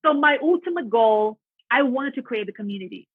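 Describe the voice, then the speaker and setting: Speaking with a Russian accent, this Latvian realtor in her thirties is a podcast guest, telling her story chattily and earnestly in a casual interview. Her fairly high, expressive, slightly rough voice runs a little fast. The audio comes over a dry, tinny phone-like line.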